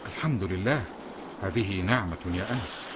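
A man's voice: sits low, normal speed, background noise, close to an everyday voice. A man playing an earnest, steadfast young devout soldier in a children's audio drama.

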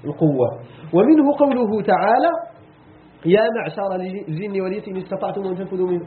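A man's voice: high-pitched, animated, quick pace. A man with a Moroccan Arabic accent giving a classroom lesson, quoting verses and asking the class questions. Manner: explains, quotes verses, asks the class questions. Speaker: Quran teacher. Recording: tinny phone-like echoey room, faint noise.

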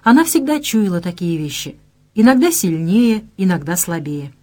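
Woman, audiobook narrator, detective story, expressive, animated pitch. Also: moderate pace. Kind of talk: scripted narration.

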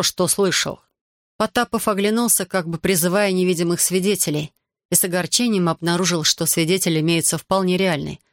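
A man reading an audiobook as narrator in an even, measured way. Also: sits high, dry recording, studio quality. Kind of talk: scripted narration.

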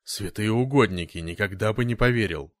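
A man voicing a calm, gentle but firm butler in an audiobook, speaking evenly and with assurance. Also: lowish voice, brisk, no room sound, clean studio sound, natural voice. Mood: assured.

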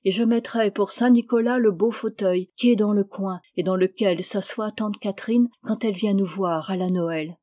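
An anxious baker father from a storybook, voiced by a woman. He speaks with urgency and pleading tenderness, and his calls come out loud. The reading voice underneath is mellow. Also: medium pitch, fairly even intonation, moderate pace, few pauses, close to an everyday voice. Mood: tender.

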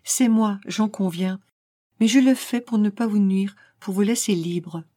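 A woman's voice: medium pitch, measured pace, mellow, no echo, studio quality, natural voice. A woman reading the part of a proud young man who pleads with passion. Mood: impassioned.

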